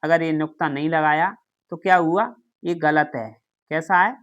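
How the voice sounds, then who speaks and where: A woman's voice: sits low, fairly even intonation, normal speed, muffled recording. A woman teaching a grammar lesson, who keeps asking questions and answering them herself. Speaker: Hindi teacher.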